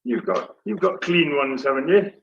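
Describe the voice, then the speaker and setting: A man with a fairly high voice, hosting a livestream and teasing his guests. He laughs easily as he goes. The sound is roomy and muffled. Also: moderate pace, creaky, fairly bright tone. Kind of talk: casual chat. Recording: muffled echoey room.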